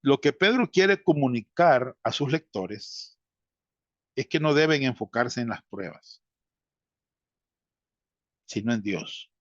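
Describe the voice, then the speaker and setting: A man teaching a Bible study, taking his time over each phrase and turning often to his listeners as brothers. His voice sits at a middle pitch. The recording is dry and dull, with little room sound. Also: lively intonation, no room sound. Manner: slow, deliberate teaching, addressing listeners as brothers.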